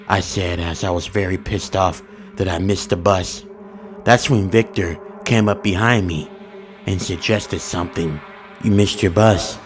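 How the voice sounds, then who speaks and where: With a lowish voice, a man tells a first-person horror tale, keeping his delivery steady and menacing and his grammar casual.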